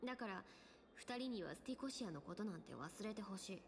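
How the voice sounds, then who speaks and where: A woman's voice: medium pitch, expressive, brisk, a little hiss or hum, lightly acted. A woman voicing a sly, breezy young female treasure-loving thief in an anime game, with a casual, teasing, cocky delivery. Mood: persuasive, teasing. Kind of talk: Japanese anime game voice acting.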